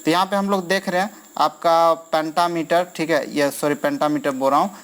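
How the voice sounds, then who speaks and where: A man's voice: a little high, fairly even intonation, a bit bright. Man teaching, counting syllables aloud. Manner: counts syllables aloud, drawn-out stressed words, frequent "okay" fillers. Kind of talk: exam-prep poetry lesson.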